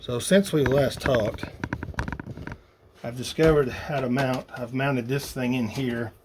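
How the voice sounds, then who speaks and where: In a noisy workshop recording full of clicks, a man mutters and thinks aloud while casually narrating a hands-on radio build he's doing as a hobby. His voice is medium-pitched, slow, and fairly even in intonation.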